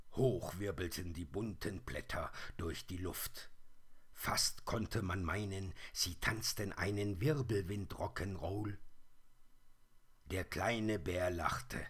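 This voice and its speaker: A man calmly reading a children's story aloud. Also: sits low, slightly rough. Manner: calm, unhurried storybook telling.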